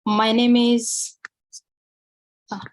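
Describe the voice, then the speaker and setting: A woman's voice: fairly high pitch, level tone, no room sound. Ethiopian woman presenting on a video call. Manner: halting, many fillers and restarts. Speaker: PhD student presenter. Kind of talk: webinar presentation.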